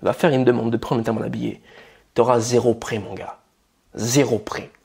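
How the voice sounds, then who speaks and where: A man's voice: mid-range voice, fairly even intonation, normal speed, vocal fry, darkish tone, breathy edge. A man from France giving casual, blunt style and dating advice straight to the camera, swearing freely and calling the viewer buddy.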